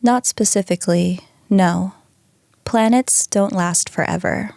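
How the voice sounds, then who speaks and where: Lady reading as a hypnotized guy, chill and dreamy, slow gravelly voice. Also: medium pitch, no echo, clean studio sound. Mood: reflective. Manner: calm, reflective answers read from a script. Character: hypnotized male patient recounting soul choices.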